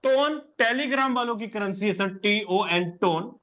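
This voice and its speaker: A man with a notably high voice delivers an online sales pitch, pushing hard and hammering the same points again and again. He keeps addressing the listener as sir and brother. The recording sounds dull and lo-fi. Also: unhurried, sharp tone. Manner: emphatic, repeats key points. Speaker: business plan presenter.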